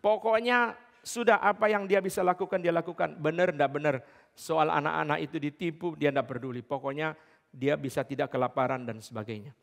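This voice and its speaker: A male pastor preaching a sermon in a lively, emphatic way, speaking directly to his congregation. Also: a little high, fairly quick, vocal fry. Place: large church sanctuary. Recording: long church hall reverb.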